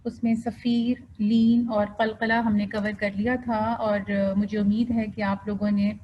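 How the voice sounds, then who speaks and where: A woman teaching a Quran recitation class online, patiently drawing out example words slowly and mixing English terms into her explanations. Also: medium pitch, little pitch movement. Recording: dull lo-fi with faint noise.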